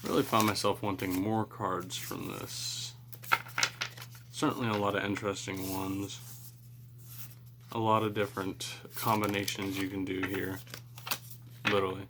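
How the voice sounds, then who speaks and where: A man's voice: deep voice, flat delivery, a little slow, pauses often, very noisy. A man chatting casually and unscripted as he hosts a card-pack opening video, musing in a rambling, self-deprecating way. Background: cards being shuffled.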